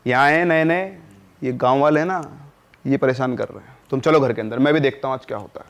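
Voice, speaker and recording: A man's voice: medium pitch, a little fast, close to an everyday voice. A man voicing a stubborn father who brushes off talk of ghosts in a brusque, dismissive way, in a spoken horror story.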